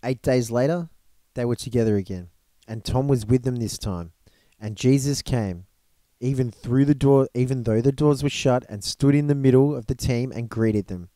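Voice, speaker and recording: Guy reading a bible story aloud, warm mellow voice, dry close mic. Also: mid-range voice, no echo. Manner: unhurried storytelling with occasional slips and restarts. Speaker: reader of a storybook gospel.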